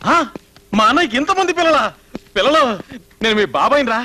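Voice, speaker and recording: An actor playing a brash, excitable younger brother in a family film drama. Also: male voice, very high-pitched, fairly quick, heavily acted. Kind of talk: Telugu film dialogue.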